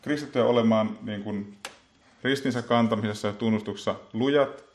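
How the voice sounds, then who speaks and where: A man with a somewhat low voice gives an unscripted Bible teaching. He speaks haltingly, feeling his way through each thought and often restarting, with plenty of filler words in between. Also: fairly even intonation.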